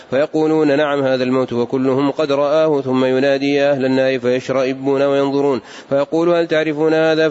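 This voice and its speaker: A man reading hadith text aloud in a steady, formal recitation in a large mosque. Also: mid-range voice, smooth, muffled recording.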